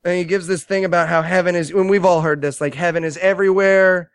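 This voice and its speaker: A man with a fairly high voice tells a movie's story sarcastically, jumping into mocking impressions of its characters. The sound is dry and close, with no room echo. His delivery is lively and quick to ridicule. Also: smooth. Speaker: guest movie reviewer. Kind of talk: comedic podcast movie recap.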